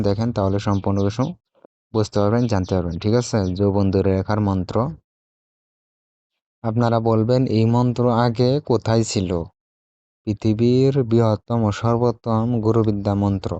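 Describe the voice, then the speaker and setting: Boastful man pitching to viewers. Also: dark tone, no echo, dull audio. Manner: boastful salesman tone, repeats phrases. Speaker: self-styled tantric teacher. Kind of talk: casual spoken video talk to viewers.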